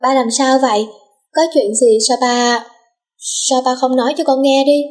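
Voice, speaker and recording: Woman playing a young spoiled rich girl, bubbly, cutesy, fairly high pitch, audiobook character. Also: fairly even intonation, a little slow. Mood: worried.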